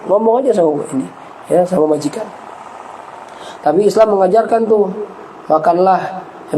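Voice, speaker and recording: A man preaching a lively, conversational sermon to a congregation. He tells stories, acts out the voices in them and speaks straight to his listeners. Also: high voice, a little hiss or hum, low-quality recording. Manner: storytelling, acts out quoted voices and addresses the congregation. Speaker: Islamic preacher.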